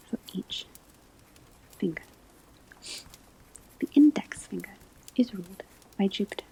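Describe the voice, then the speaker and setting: With a crackling fireplace, turning pages, and classroom ambience clearly audible behind her, a woman ASMR roleplayer whispers a soft, breathy lecture as a calm professor of divination at a witch school. She speaks at medium pitch, slowly and deliberately, in an instructive, measured way.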